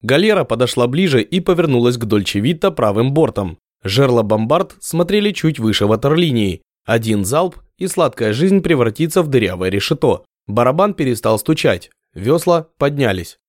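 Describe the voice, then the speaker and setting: A man narrating an adventure novel in a measured storytelling voice. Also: medium pitch, sing-song, dry recording, clean studio sound. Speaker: audiobook narrator. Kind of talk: scripted narration.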